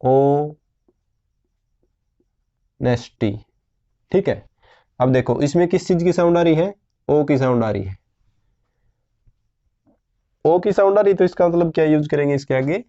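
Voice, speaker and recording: Guy teaching grammar real slow, patient, keeps asking questions, mellow voice, kinda muffled lo-fi audio. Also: a little high, animated. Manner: slow, patient explaining with frequent questions to students. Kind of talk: grammar lesson.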